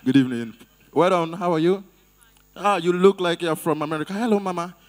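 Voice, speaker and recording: A male comedian hosting an event does live stand-up crowd work, playfully teasing audience members. He has a Nigerian Pidgin accent and a high-sitting voice, and he talks a little fast.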